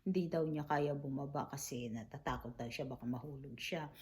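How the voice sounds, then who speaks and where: A middle-aged woman recalling caring for her late mother, speaking softly and haltingly, mixing in English phrases. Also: rumbling low. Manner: soft, halting, with many fillers; mixes Tagalog with English phrases. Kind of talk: personal storytelling vlog.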